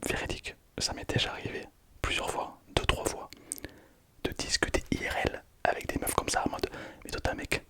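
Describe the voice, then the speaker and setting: A young ASMR content creator whispers playfully at a moderate pace, his voice pushed and bright. He reads comments aloud in casual slang and laughs often.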